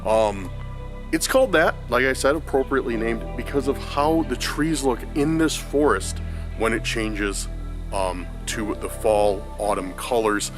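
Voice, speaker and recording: Out in the woods with music in the background, a paranormal vlogger talks to the camera at a measured pace in a mid-range voice. A cold has left him congested, and his casual chatter wanders with plenty of fillers and false starts.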